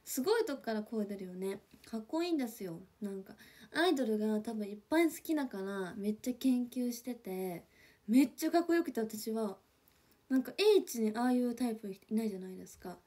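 A young woman chatting on a livestream in a fairly high, mellow voice with a husky softness. She gushes and rambles with lots of fillers and now and then drops into a whisper. She sounds relaxed, as if she is reading comments to fans. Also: fairly quick. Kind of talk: casual livestream chat. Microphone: phone or webcam for a livestream.

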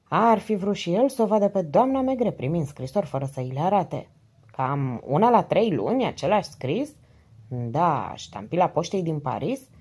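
A woman's voice: lowish voice, sing-song, mellow, slightly rough. A woman reading the lines of a stern middle-aged male police commissioner in an audiobook, curt and businesslike on the phone. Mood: brisk.

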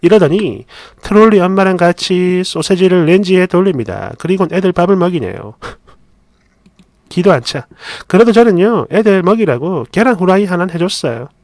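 A man's voice: high voice, expressive, a little fast, few pauses, a little mellow, dry recording. A man narrating a first-person story in a chatty, sardonic, exasperated way.

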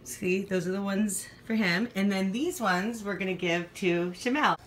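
A woman's voice: medium pitch, a little slow. A woman hosting a prank challenge at home in casual chat. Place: home dining room. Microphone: handheld phone. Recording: slightly noisy handheld phone recording.

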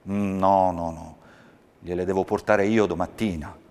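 A man voicing a kindly, poor old male shoemaker in a read-aloud storybook, speaking warmly and contentedly. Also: low-pitched, fairly even intonation, unhurried, long reverb tail.

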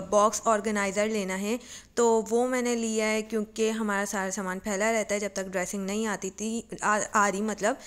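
A woman from Pakistan narrating a casual shopping vlog, chatty and rambling, with fillers and self-corrections. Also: mid-range voice. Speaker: vlogger. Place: shops and supermarket, partly voice-over.

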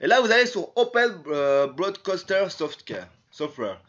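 A man's voice: high voice, sing-song, a little slow, a bit bright, muffled recording. A young man with a French accent, walking viewers through a casual screen-recorded tutorial in a chatty, repetitive, rambling way. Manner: chatty, repetitive, keeps saying "les potos"; rambling, with many restarts and "hop". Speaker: tutorial youtuber.

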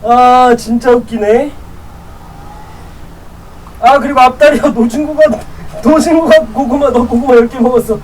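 A woman streaming a game live, teasing other players in loud banter and laughing often; her voice sits a little off-mic. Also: high-pitched, unhurried, long pauses, far from the mic, low-quality recording. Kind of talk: live gameplay chat with viewers.

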